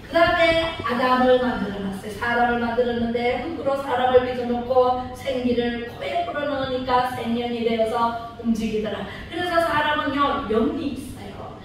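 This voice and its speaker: A woman's voice: a little high, normal speed, few pauses. A woman pastor preaching a sermon in a church, storytelling with energy and asking the congregation questions. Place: church sanctuary. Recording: very echoey church hall, distant mic, faint noise.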